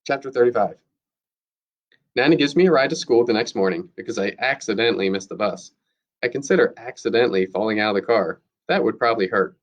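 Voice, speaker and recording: A man, a teacher, reading a chapter book aloud in a steady, plain narration, on a dull lo-fi recording. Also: fairly low pitch, fast talker. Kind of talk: read-aloud storybook narration.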